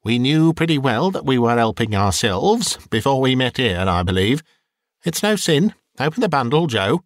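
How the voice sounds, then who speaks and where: A man voicing a coarse, greedy old charwoman who mocks the dead in brash, quick bursts. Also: medium pitch, very animated, no echo, studio quality, close to an everyday voice. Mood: scornful.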